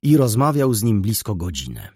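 Low, husky male audiobook narrator. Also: normal speed, dry recording, studio quality. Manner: expressive storytelling. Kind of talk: scripted literary narration.

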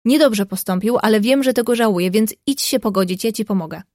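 A bold, warm-hearted young woman in an audiobook who pleads earnestly and coaxes, as a woman narrator voices her. Her voice is of middle height. It sounds dry and close to the mic. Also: medium pitch, fast talker, no echo, natural voice. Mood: coaxing. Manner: coaxing, earnest.

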